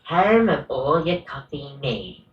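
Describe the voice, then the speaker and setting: Coffee machine barista in a game, rambly and sorry all the time, low-ish voice with a lively swing. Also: female voice, echoey room, recorded from a distance, lo-fi sound, exaggerated voice. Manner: rambling, apologetic, quick self-corrections. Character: chatty female coffee machine barista, coffee-obsessed. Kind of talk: video game voice acting.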